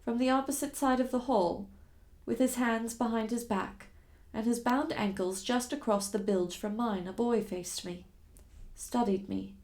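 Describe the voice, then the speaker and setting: A woman's voice: fairly high pitch, a little slow, a little mellow. A woman narrating a novel in the first person, reading with dramatic tension. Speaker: reader of a novel.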